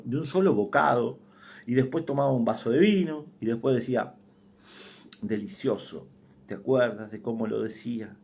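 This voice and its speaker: A man's voice: mid-range voice, natural voice. A man with an Argentine accent voicing a dying woman who confesses to her sister in a faltering, urgent voice. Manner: faltering, hushed, urgent pleading.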